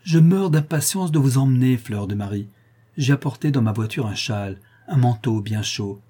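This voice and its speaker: A man's voice: medium pitch, lively intonation, normal speed, mellow, breathy edge. A man reading an audiobook and voicing a tender, effusive noblewoman. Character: warm, eager aristocratic lady, motherly.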